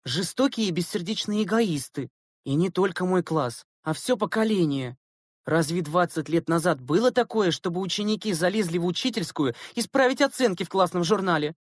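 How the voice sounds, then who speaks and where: A woman's voice: lowish voice, lively intonation, normal speed, no echo, studio quality. A woman voicing a weary, bitter schoolteacher in an audiobook, speaking sternly and with exasperation. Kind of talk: audiobook character reading.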